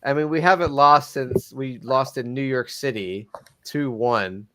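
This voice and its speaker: A man's voice: medium pitch, measured pace, a crowd in the background. A man co-hosting a soccer fan talk show, talking casually and earnestly, defending his team with many restarts. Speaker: podcast co-host.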